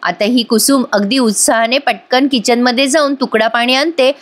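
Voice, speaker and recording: A woman narrates a voice-over episode review, speaking straight to the viewers. Her voice is somewhat high. She retells scenes in a chatty way and drops wry side remarks. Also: moderate pace. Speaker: TV serial reviewer.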